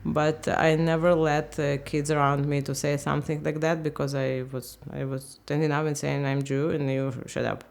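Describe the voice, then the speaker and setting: Woman in her 50s, low gravelly voice, halting, keeps hunting for the english word. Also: little pitch movement, darkish tone. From Ukraine. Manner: halting, searching for English words. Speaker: interviewee, language teacher. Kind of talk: candid personal interview.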